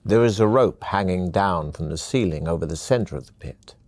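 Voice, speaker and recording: Man narrating an adventure game, very deep voice, dry close sound. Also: dry recording. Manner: measured, steady. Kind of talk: second-person scripted narration.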